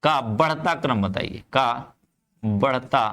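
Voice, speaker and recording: A male chemistry teacher speaking, giving a live online class, often repeating himself to urge students to answer quickly and calling them "kids". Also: medium pitch, a bit bright. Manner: calls students "bachcha" and "bhai".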